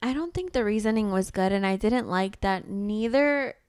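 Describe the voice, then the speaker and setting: A woman chatting casually as a book reviewer, tipsy and animated in how she talks. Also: medium pitch, moderate pace, clean tone, no echo, studio quality.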